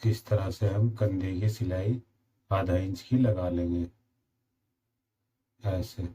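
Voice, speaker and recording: A man with a slightly sore throat gives a slow, repetitive step-by-step sewing tutorial as a tailoring instructor. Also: deep voice, fairly even intonation, dark tone, a little hiss or hum. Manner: slow, repetitive instructions addressing viewers as friends.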